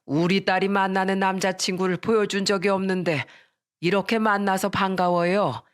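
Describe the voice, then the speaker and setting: A woman voicing a warm, hearty middle-aged father who draws his words out. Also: medium pitch, fairly even intonation, moderate pace, clean tone, natural voice.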